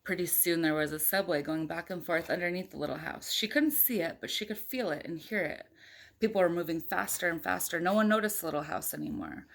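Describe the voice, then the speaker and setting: A woman with a lowish, gravelly voice reads a picture book aloud briskly to young children. She keeps it conversational and engaging, adding chatty asides and asking the kids questions.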